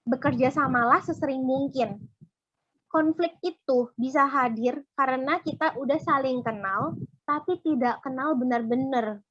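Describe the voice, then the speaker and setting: A woman's voice: sits high, measured pace, a bit bright, husky, dry recording, dull audio. A young woman speaking at a community worship service, giving a casual, chatty sermon that keeps turning to her listeners as friends and acting out little dialogues.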